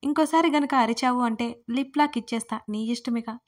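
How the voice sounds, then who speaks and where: A woman's voice: on the high side, a little fast, close to an everyday voice. Brief: cocky young male college troublemaker, smug and teasing, sits close to her own register, as a woman narrator plays him. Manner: smug, teasing, sometimes whispering.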